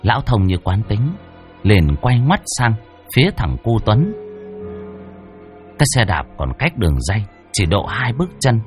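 A man's voice: on the low side, very animated, measured pace, soft background music. A man narrating a horror story in a dramatic, ominous way.

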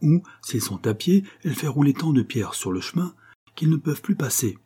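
An earnest, superstitious old coachman tells his master about the local ghost with a believer's respect, as a man puts him on. The voice sits higher than the reader's own, husky and mellow. It is an audiobook reading. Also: very animated, moderate pace. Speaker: postillion.

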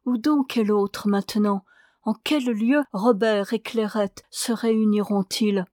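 Woman reading young bride in a storybook, grieving, pleading, slow delivery, dry close sound. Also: mid-range voice, steady tone, warm tone, no echo, natural voice. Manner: pleading, sorrowful.

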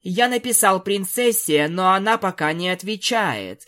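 Small anxious young male dragon in an audiobook, high and trembling, voiced by a man. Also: lively intonation, a little slow, bright, forceful tone, full character voice. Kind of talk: audiobook character voice.

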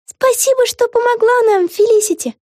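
A woman's voice: very high voice, very animated, moderate pace, darkish tone, no echo, studio quality, pitched above the performer's own voice. A woman voicing an earnest, sensible young witch girl in a storybook reading.

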